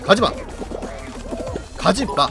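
A man streaming a party game, commenting live, often yelling and laughing at the action and cursing at rival players. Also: high-pitched, animated, slow, gravelly, over music. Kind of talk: excited gameplay commentary.

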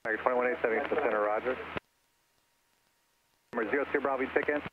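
A man's voice: mid-range voice, steady tone, fast. A man working as an air traffic controller, giving clipped instructions over a crackly aircraft radio that keeps breaking up. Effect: crackly, breaking-up aircraft radio transmission. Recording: muffled, noisy cockpit radio.

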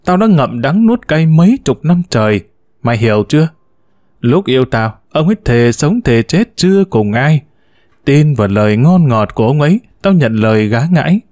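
Angry old mom tearing into her sons, a guy reading it out, lively swings, dry close sound. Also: medium pitch, moderate pace, dry recording, lightly acted. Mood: bitter. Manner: scolding, venomous. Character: sharp-tongued older widow, furious mother.

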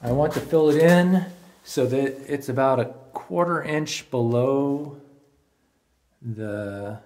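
A man filming his own basement renovation, calmly talking through the work as he goes and thinking out loud with small restarts and fillers. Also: mid-range voice. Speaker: DIY home renovator. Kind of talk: casual first-person narration. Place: unfinished basement room indoors.

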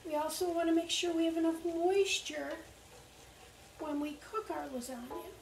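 Patiently teaching kids a recipe, the older library cooking instructor speaks at normal speed in a very high, gravelly voice with fairly even intonation. The home kitchen sounds echoey from the distant camera, with background noise and faint frying meat sizzling.

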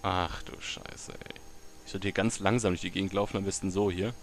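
A man giving casual let's play commentary, muttering to himself with excitable outbursts. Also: sits low, a little fast, slight background noise.

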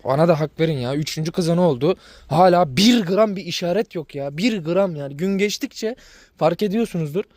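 A man's voice: a little high, expressive, a little fast, a little mellow, no room sound. A man vlogging to his viewers about his dogs, venting in an exasperated way and repeating himself. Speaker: dog breeder vlogger. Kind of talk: casual vlog talk to viewers.

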